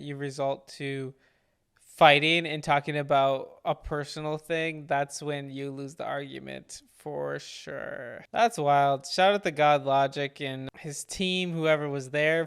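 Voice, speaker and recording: Casting: male reaction commentator, casual and incredulous, crisp high-pitched delivery. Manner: incredulous, animated, laughs often.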